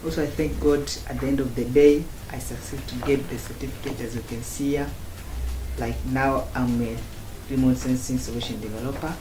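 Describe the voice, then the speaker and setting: A man from Tanzania, giving a student testimonial in slow, halting phrases broken into short chunks. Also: medium pitch, fairly even intonation. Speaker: former student giving a review. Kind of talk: spoken testimonial. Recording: roomy echo, faint background noise.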